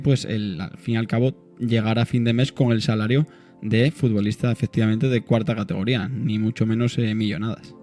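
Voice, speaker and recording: Man from asturias, flat even voice, long winding questions, faint music. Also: mid-range voice. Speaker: co-interviewer. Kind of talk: interview questions.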